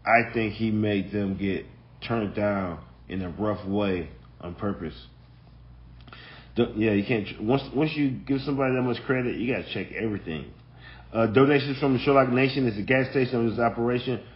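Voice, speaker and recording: A man hosting a podcast, speaking casually and rambling through his thoughts with plenty of fillers. His voice is fairly low, and the audio is dull and lo-fi. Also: moderate pace. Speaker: podcast host. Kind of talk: casual commentary.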